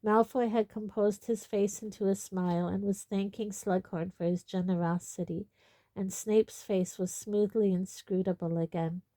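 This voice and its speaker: A woman reading a novel aloud in steady audiobook narration. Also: medium pitch, moderate pace, no room sound. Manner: steady storytelling. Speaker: audiobook reader.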